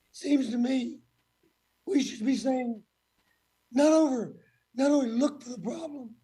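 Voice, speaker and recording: A man questioning witnesses as a legislator at a formal hearing, blunt and folksy, in halting short phrases. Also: very high voice, mellow, low-quality recording.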